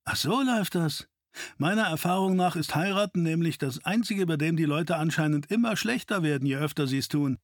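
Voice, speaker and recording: A man's voice: a little high, brisk, no room sound, clean studio sound, voice pushed up, lightly acted. A man putting on a cheeky joking sidekick. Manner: joking, breezy banter.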